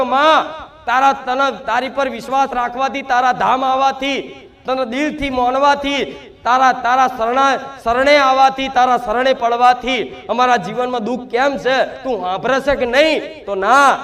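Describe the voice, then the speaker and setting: A man's voice: extremely high pitch, fairly bright tone. A man, giving a devotional sermon in the first person as the goddess, emphatic and full of repeated rhetorical questions.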